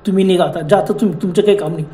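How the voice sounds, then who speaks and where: A man's voice: high-pitched, fairly even intonation, rapid-fire, warm tone, slight background noise, close to an everyday voice. A man telling of bold, mocking young men. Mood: teasing. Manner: teasing, reassuring, insistent.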